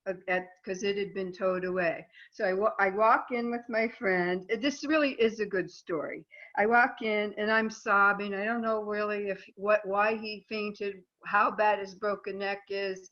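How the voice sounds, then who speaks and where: A woman guest in a conversational interview, telling a personal story in an animated way. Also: mid-range voice, muffled recording. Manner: animated storyteller, voice jumps up for quoted outrage. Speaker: guest, co-author.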